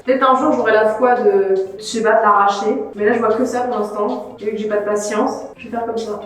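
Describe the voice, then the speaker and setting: A woman's voice: medium pitch, steady tone, brisk, heavy reverb, low-quality recording. A young woman filming a casual home vlog, chatty and self-mocking, swearing casually as she paints her entryway. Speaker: vlogger.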